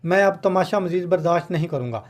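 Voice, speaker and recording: A man's voice: sits high, fast, close to an everyday voice. A man voicing an angry, protective young husband who pleads firmly with his mother, in a storybook reading. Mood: upset.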